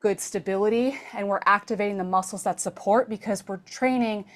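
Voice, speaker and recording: A woman fitness coach speaks to her class while still catching her breath. She explains with emphatic, energetic delivery in a mid-range voice. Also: medium pitch, brisk.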